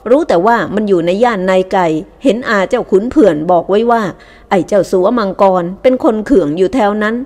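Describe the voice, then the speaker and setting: A woman voicing a bold young nobleman who commands his gang in an audiobook, blunt and loud. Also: mid-range voice, brisk, close to an everyday voice. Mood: commanding.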